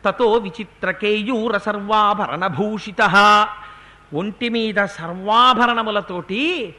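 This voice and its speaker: A man with a high, very bright and ringing voice gives a devotional discourse. He chants Sanskrit verses in slow, drawn-out, forceful lines. Then he explains them in plain talk, often asking his listeners questions. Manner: asks rhetorical questions of the listeners. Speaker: religious discourse speaker.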